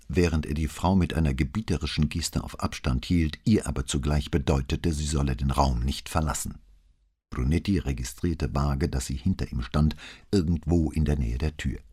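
A man reading a crime novel as an audiobook, calm and measured, acting out the dialogue. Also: a bass voice, slightly rough. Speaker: audiobook narrator. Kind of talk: scripted narration of a crime novel.

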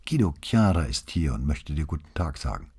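Brief: caring, terse wife, read by a man with a husky, very deep, dark voice in an audiobook. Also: sing-song, heavily acted. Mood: concerned. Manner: gentle but rapid, clipped questions. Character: caring, quick, terse middle-aged wife. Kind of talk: audiobook dialogue.

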